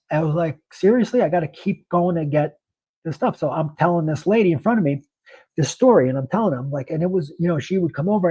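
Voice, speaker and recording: Middle-aged male host, mellow husky voice, rambling storyteller, dry close sound. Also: fairly high pitch, no room sound, muffled recording. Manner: rambling, self-correcting, acts out quoted dialogue. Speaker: podcast host, former bank branch manager. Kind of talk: off-the-cuff sales storytelling.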